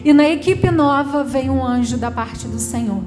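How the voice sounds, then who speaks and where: A woman's voice: sits high, moderate pace. Fervent Brazilian woman over music. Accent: Brazilian Portuguese. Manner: fervent, dramatic, repeats phrases for emphasis. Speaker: pastor giving a testimony. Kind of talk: emotional personal testimony. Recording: music playing underneath.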